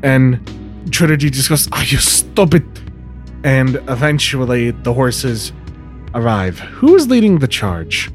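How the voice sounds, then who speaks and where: A man narrating a solo tabletop game as game master, thinking aloud in a relaxed way. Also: mid-range voice, measured pace, soft background music.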